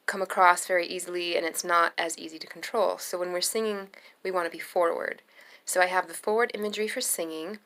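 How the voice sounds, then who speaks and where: A young adult woman giving a singing lesson, explaining slowly and calmly between sung demonstration notes. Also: lowish voice. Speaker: singing teacher.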